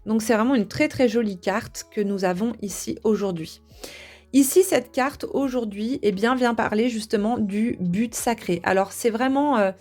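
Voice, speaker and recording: A woman giving a tarot reading, speaking gently and chatting to her viewers with many hesitations. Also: on the high side, moderate pace, faint music behind. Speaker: tarot reader.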